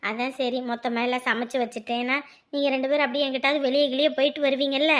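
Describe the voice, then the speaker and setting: A woman plays a high-pitched village housewife. She fusses and mothers everyone in a quick, chatty flow, the busy heart of the home. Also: level tone, fairly bright tone. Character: fussing rural housewife and elder sister-in-law. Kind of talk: web drama acting.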